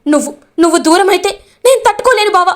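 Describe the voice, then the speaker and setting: A jealous, clingy young village woman from a family drama, voiced by a woman narrator. She complains in a shrill, sarcastic rush, pitch climbing high. The voice is bright and quick. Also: lively intonation. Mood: pleading.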